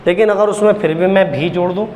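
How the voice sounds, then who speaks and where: A man's voice: sits high, fairly even intonation, fast talker, darkish tone, long reverb tail, a little hiss or hum. A man teaching Hindi grammar at a board, repeating key points and quizzing the class with questions. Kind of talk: blackboard lesson.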